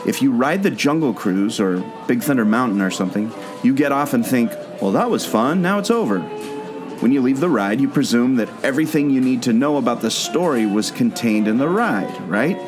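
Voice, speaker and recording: A man with a medium-pitched, expressive voice talks fairly quickly, earnestly explaining a mystery as a storyteller would to a listener he's leading along. It's a scripted audio play backed by plucked guitar, and he is a podcast co-host who once worked as a theme park skipper.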